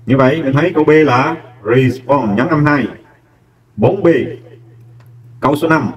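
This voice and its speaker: A man's voice: on the high side, moderate pace, distant mic, low-quality recording. A man, a teacher walking students step by step through an English exam, speaking to them directly and kindly. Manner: explains step by step, addressing students warmly as "các em". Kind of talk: exam walkthrough lesson.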